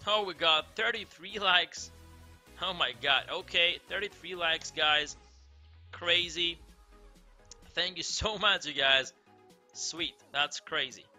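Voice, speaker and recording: A young Greek man with a Greek accent chats loosely with viewers on a game livestream from an indoor room seen on webcam, reading their comments. His slightly high voice is pushed and bright, slow, with frequent pauses, rambling, full of fillers and repeated "crazy." Faint music plays behind him.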